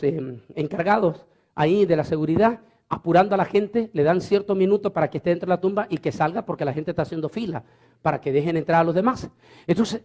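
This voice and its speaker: A man with a very high voice preaches a sermon. He starts by telling a story in a quieter voice, often stumbling over and repeating words, then rises to loud, shouted preaching. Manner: builds from low retelling to shouted high preaching.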